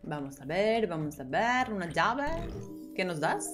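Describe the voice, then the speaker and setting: A woman's voice: lowish voice, big pitch swings, a little slow, soft background music. Chatty young woman gaming. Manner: chatty, talks to herself and viewers, playful exclamations. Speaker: gameplay streamer. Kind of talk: casual gameplay commentary.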